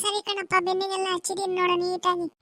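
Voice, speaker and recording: A man voicing a small, obedient village boy in a cartoon, with a squeaky, eager-to-please voice. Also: little pitch movement, fast talker, pushed and bright, no echo, studio quality. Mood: agreeable. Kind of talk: cartoon voice acting.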